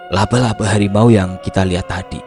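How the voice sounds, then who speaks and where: A man voicing an older village man who speaks gravely and knowingly in a horror story reading. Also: on the low side, steady tone, fairly quick, music in the background, natural voice.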